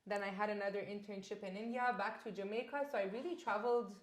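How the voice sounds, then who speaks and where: A woman's voice: mid-range voice, steady tone, quick pace. Young Canadian woman, echoey room. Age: young adult. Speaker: interview guest. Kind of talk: casual interview conversation. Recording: roomy echo.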